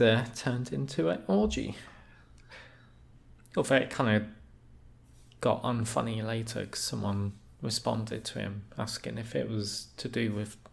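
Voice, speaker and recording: Male podcast co-host, slow-talking, gravelly, deadpan. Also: medium pitch. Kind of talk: casual podcast chat.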